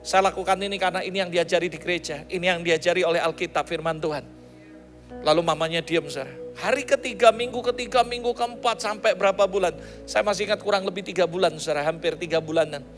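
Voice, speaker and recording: A male pastor giving a sermon, telling a story with lively acted-out dialogue. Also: high voice, fast talker, in a large hall, soft background music. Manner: animated storytelling, voices the people in his story.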